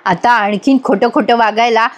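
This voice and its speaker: A woman's voice: a little high, moderate pace, natural voice. A woman voicing a proud, sulky young husband who grumbles and defends himself. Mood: wheedling.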